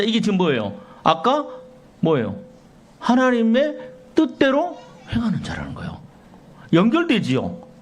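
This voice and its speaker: A male pastor preaching a Sunday sermon in a church, firing rhetorical questions at the congregation and acting out little scenes. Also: high voice. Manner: acts out quoted dialogue in sketches. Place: church sanctuary.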